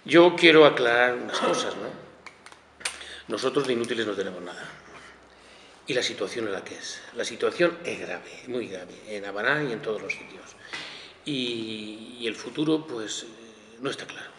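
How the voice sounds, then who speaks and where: A man's voice: mid-range voice, normal speed, fairly bright tone, slight background noise. A man, a town councillor defending the budget at a press conference, emphatic with hesitant fillers. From Spain. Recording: echoey hall with long reverb, faint ambience.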